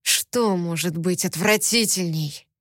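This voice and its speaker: A woman voicing a powerful, menacing male captive in an audiobook, speaking slowly in a low voice with a sarcastic, threatening manner. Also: fairly bright tone, no room sound, clean studio sound. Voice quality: deep low voice.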